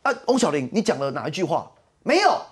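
A woman's voice: deep voice, big pitch swings, quick pace. A woman arguing as a panel commentator on a political talk show, heated and mocking, firing rhetorical questions. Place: TV studio.

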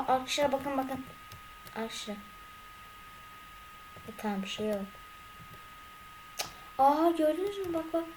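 A woman's voice: on the high side, dark tone, a little hiss or hum, low-quality recording. A young woman commenting on her gameplay as a gaming YouTuber, talking to her viewers and getting more and more frustrated. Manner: increasingly frustrated, exclaiming.

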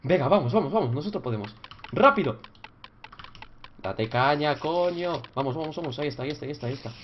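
A young male gaming YouTuber gives Minecraft let's-play commentary at a quick pace with a lively pitch, recorded on a dull lo-fi mic with faint noise. He swears a lot and yells and screams in frustration, yet mutters quietly to himself while working through puzzles.

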